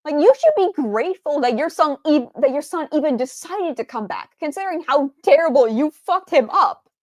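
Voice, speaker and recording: High-voiced ranting woman streamer. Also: lively intonation, moderate pace, no echo. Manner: exasperated, ranting, swears freely. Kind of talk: game reaction commentary.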